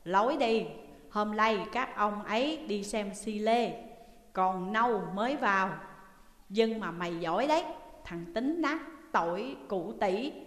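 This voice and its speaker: A woman voicing a hoarse, foul-mouthed adult male prisoner with a coarse manner. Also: mid-range voice, unhurried, fairly bright tone, reverberant, big-room sound, close to an everyday voice. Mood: scornful.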